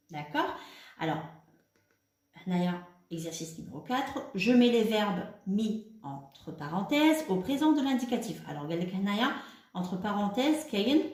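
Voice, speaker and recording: A woman with an Algerian accent teaching children, explaining step by step and dictating words slowly. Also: mid-range voice, darkish tone, echoey room. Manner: switches between French and Arabic, explains step by step; slow, deliberate dictation of words. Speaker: primary school teacher. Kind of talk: homework lesson for children.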